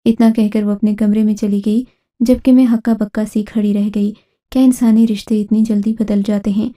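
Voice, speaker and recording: A woman narrating a dramatic family story in the first person, in a steady, scripted storytelling manner. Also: medium pitch.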